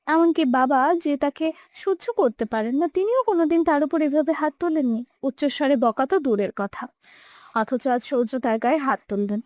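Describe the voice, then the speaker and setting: A woman's voice: high voice, darkish tone, dry recording. A young woman narrating a romantic audio story with emotive, dramatic delivery. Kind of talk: scripted narration.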